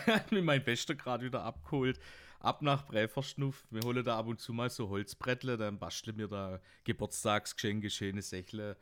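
A man's voice: medium pitch, normal speed, a bit bright, smooth. A man with a Swabian accent telling jokes on his podcast, often bursting out laughing at his own punchlines. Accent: Swabian German. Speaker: podcast host. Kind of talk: joke-telling podcast monologue.

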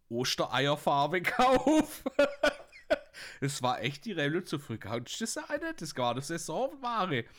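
A man's voice: fairly high pitch, fairly bright tone. A middle-aged man with a Swabian German accent, casually telling jokes as host, chuckling often and tagging lines with a questioning "gell".

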